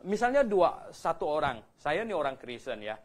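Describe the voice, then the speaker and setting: A man's voice: fairly high pitch, moderate pace. An older man, a pastor, teaching the Bible in a conversational way, with rhetorical questions and stories. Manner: animated, rhetorical questions, anecdotes.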